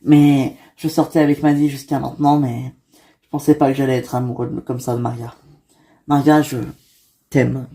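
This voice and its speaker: A woman's voice: rumbling low, level tone, normal speed, mellow. A woman voicing a young man who hesitantly confesses his love, in a toy-figure soap drama. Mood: confessing. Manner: hesitant, full of fillers.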